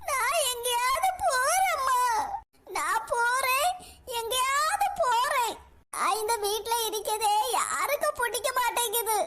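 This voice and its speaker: A woman's voice: very high voice, expressive, normal speed, a bit bright, a little hiss or hum. A woman voicing Menaka, a whiny tearful daughter. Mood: whining. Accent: Kanyakumari Tamil. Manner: whining, tearful complaining. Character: whiny adult daughter Menaka, self-pitying troublemaker. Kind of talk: cartoon voice acting.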